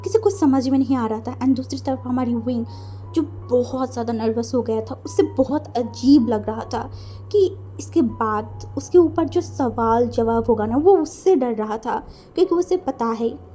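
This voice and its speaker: A woman tells a romance fan story in a casual, chatty way, sliding English words into her sentences and acting out the dialogue. Her voice is high and mellow. Faint music plays behind her. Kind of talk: narrating fan fiction, voicing characters in dialogue.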